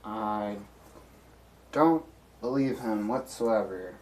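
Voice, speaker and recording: A man playing a solo tabletop game on a live stream, deliberating out loud with many fillers and restarts. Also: lowish voice, extremely slow, slight background noise.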